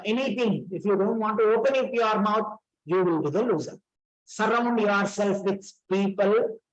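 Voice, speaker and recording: A woman's voice: medium pitch, poor audio. A woman giving a training lecture on communication skills, repeating her points and checking in with rhetorical questions.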